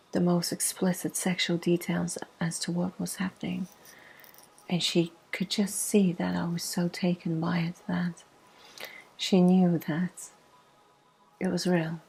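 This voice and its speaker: Hushed and taking her time, a woman recounts something from her own life in soft ASMR fashion. Her lowish voice is breathy and husky, often sinking into a whisper, on a rough recording.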